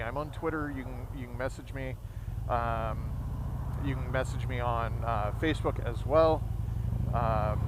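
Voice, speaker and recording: Middle-aged man, candid vlog monologue, long pauses, earnest, inside-helmet mic, constant motorcycle ride noise. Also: medium pitch. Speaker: motovlogger. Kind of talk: candid personal monologue to viewers. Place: outdoors, riding a motorcycle. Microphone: close mic inside a motorcycle helmet. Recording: steady engine and road noise, inside helmet.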